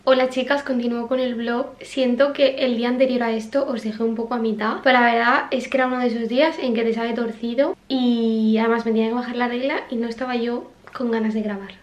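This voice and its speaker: A young woman from chats casually to camera in a home vlog, with plenty of fillers and asides to her viewers. Her voice sits a little high. The small home room around her sounds roomy and echoey. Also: steady tone, quick pace, hardly any pauses, slight background noise. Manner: chatty, lots of fillers, talks straight to viewers. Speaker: vlogger.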